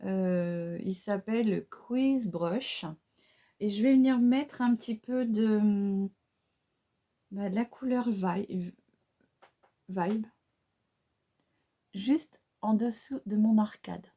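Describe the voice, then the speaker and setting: Speaking extremely slowly and pausing often, a French-accented beauty vlogger with a mellow, medium-pitched voice chats through a makeup tutorial. Her manner is casual and hesitant, with many fillers and restarts.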